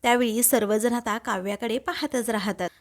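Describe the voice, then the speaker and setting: A woman's voice: on the high side, normal speed. Woman narrating a serial recap. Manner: retells scenes by reading out the characters' lines.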